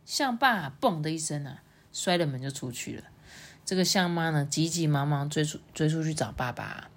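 A woman with a Taiwanese Mandarin accent hosts a story time, reading a picture book to kids. Her voice sits a little low for a woman, yet she reads lively and expressively, chatting between pages. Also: normal speed. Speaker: storybook reader host.

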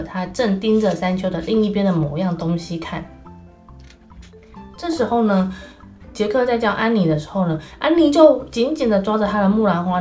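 A woman reads a children's adventure story aloud. Her telling is lively and animated, with casual fillers between phrases. Soft music plays faintly behind her. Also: medium pitch. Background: soft background music.

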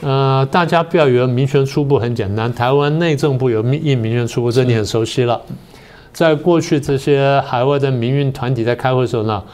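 An older man, a political science professor and guest on a talk show, explaining history in a slow, methodical way. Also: mid-range voice, darkish tone. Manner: methodical, explains step by step with many pauses.

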